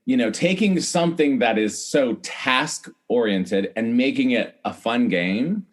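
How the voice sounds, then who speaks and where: Unhurried and animated, this mid-range male voice belongs to a middle-aged celebrity hair stylist from Iowa who is a guest on a podcast. He relates personal anecdotes with chatty enthusiasm, emphatic repetition, and frequent reenactments of what others said.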